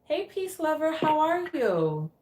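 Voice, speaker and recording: A woman's voice: sits high, sing-song, slow, a little mellow. Echoey female live coach and host. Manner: guiding, reflects back and checks in with questions. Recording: echoey, roomy sound.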